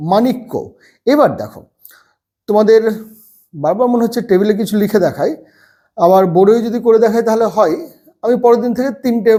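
This is a man teaching young children to read, speaking. His voice sits fairly high for a man but sounds mellow and warm. He reads each word patiently, one at a time, with a pause between them. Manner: slow, patient word-by-word drilling. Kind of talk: children's reading lesson. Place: seated at a table.

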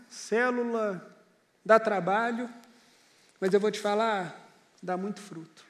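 High-voiced pastor in a reverberant hall. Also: male voice. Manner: earnest, conversational storytelling. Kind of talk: sermon.

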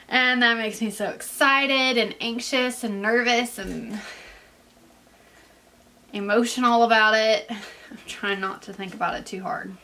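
Breathless, chatty young woman with a bright voice. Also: medium pitch. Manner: chatty and rambling, full of "like" fillers. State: congested from sinus allergies. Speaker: vlogger. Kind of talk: casual pregnancy update vlog.

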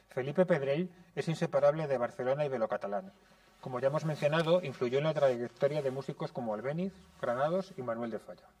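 A man reads a prepared lecture in a measured, explanatory way. His voice is slightly high and mellow. He sits a little back from the microphone in a classroom. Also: recorded from a distance. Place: conservatory classroom.

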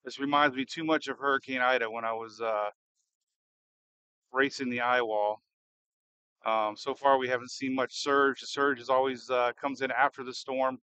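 Guy storm chasing live from his car, sharp bright voice, dry sound, kinda excitable, keeps thinking out loud. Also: mid-range voice, normal speed, clear, resonant tone, dry recording. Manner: excitable, edgy, thinking aloud with repeated questions. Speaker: storm chaser and livestream host. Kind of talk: casual live commentary while driving. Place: inside a moving car in a storm.

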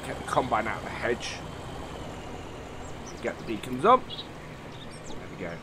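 A let's play host with a slightly nasal voice, the sign of a cold coming on, casually commentates a farming game and thinks aloud with many fillers. His mid-range voice is sing-song and measured in pace, and game vehicle noise comes through clearly behind the voice-over.

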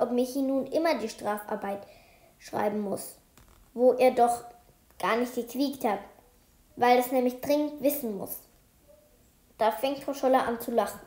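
Female storyteller for a kids' book, high voice, roomy echo. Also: darkish tone. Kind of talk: reading a children's book aloud.

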